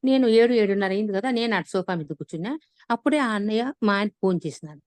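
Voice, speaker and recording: A woman, casually retelling a personal story on a video call, animated and full of restarts. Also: mid-range voice, fast talker, no room sound. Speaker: class participant sharing an experience.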